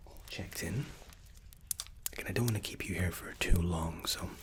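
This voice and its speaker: A man doing an ASMR role-play, speaking in a soft, unhurried, courteous whisper as hotel and spa staff. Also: low-pitched.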